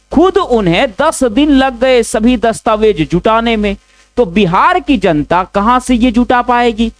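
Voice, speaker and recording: Man posing sharp rhetorical questions. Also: very high-pitched. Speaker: news commentator. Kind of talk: scripted news commentary.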